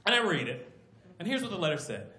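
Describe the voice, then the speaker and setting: A man doing a stand-up comedy set in a club, with loud, animated punchlines and bursts of shouting. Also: high-pitched, quick pace. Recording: echoey club with loud crowd noise. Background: audience laughter.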